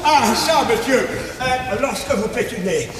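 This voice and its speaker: A man's voice: extremely high pitch, lively intonation, measured pace, crowd noise. An actor playing a proud, witty swordsman, declaiming verse on stage in a hammy, exaggerated manner. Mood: mocking, flamboyant. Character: proud, witty, swaggering swordsman mocking an insult to his big nose. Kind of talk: theatrical verse stage monologue. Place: theatre stage, recorded from afar. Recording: echoey hall, distant mic, noisy stage recording.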